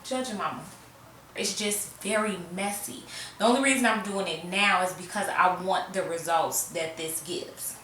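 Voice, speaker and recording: A woman's voice: lowish voice, pushed and bright, far from the mic, slight background noise. A pregnant woman chatting casually through a home hair tutorial, a little out of breath and poking fun at herself. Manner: chatty, self-mocking, drawn-out phrases. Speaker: hair vlogger. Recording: echoey room, voice off-mic, faint music.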